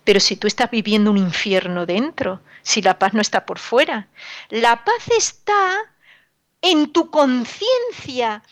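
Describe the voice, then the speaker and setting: A woman's voice: on the high side, animated, a little slow, dry recording. A woman giving a radio sermon to listeners, emphatic and admonishing, repeating words and asking rhetorical questions in a sorrowful tone. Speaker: religious radio speaker.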